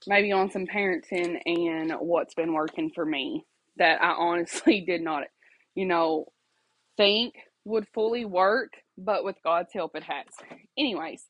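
This podcast host's voice is fairly low and fairly bright, and she takes her time. Recording alone at home for her casual faith show, she chats away, apologizes, laughs a lot, and keeps asking "okay?" through a stuffy, sniffly nose.

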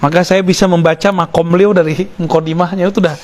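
Man giving a relaxed sufi lecture. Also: high voice, fast talker. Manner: relaxed, joking aside with listeners. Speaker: religious teacher. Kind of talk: sufi study-circle lecture.

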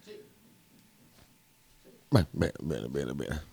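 A man's voice: a bass voice, sing-song, extremely slow, creaky, mellow. A man hosting a live show in casual banter, talking emphatically and repeating his words. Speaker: radio show host.

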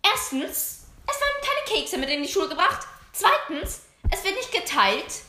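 A woman's voice: extremely high pitch, very animated, moderate pace, bright, forceful tone, slight background noise, voice pushed up, heavily acted. A girl voicing a strict female teacher who scolds pupils in a bossy manner. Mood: scolding. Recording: roomy echo.

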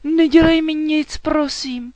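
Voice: medium pitch, big pitch swings, no echo. A reader voicing a jumpy, boastful storybook knight. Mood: panicked. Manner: stammering, panicky and loud. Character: frightened, boastful young human knight, male. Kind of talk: children's storybook reading.

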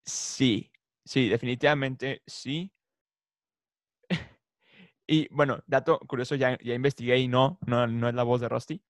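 A man's voice: medium pitch, fairly even intonation, unhurried, long pauses, dry recording. Laid-back man, dry mic. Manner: playful, laughs often, imitates cartoon voices. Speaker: podcast co-host. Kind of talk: casual chat.

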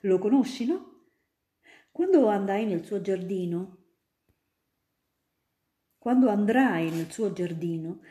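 A woman's voice: fairly low pitch, lightly acted. A woman voicing a kindly young male student who tells a little girl fanciful stories in a storybook reading. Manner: animated storytelling. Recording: roomy echo.

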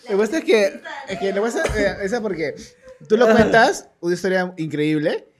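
Lively co-host in a banter. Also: mid-range voice, fairly quick, over a noisy crowd. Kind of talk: casual banter.

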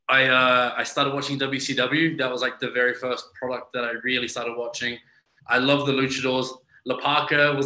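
A man with a New Zealand accent talks casually in an interview. His voice is bright and sharp with a clearly echoey room around it. He rambles, repeating phrases as he thinks. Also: mid-range voice. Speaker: interview guest, professional wrestler.

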